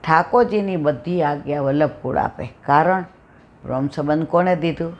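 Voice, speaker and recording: An older woman leads a devotional satsang in an earnest, conversational way. She often turns questions to her listeners. Her voice has a gravelly edge. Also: low-pitched, normal speed, dull audio. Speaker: satsang speaker. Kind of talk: devotional talk with personal storytelling.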